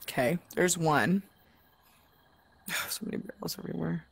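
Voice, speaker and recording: A woman's voice: deep voice, normal speed, gravelly, breathy edge, no room sound. A woman casually commenting as she plays a VR game, muttering to herself, often swearing and sometimes dropping to a whisper. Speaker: VR game player.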